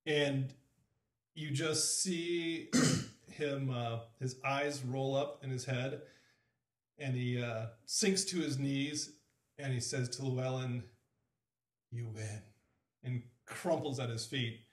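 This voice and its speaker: A man's voice: medium pitch, fairly even intonation, slow pace. A man narrating as game master of a tabletop game, with frequent fillers. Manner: fillers, vivid scene narration. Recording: roomy, distant mic.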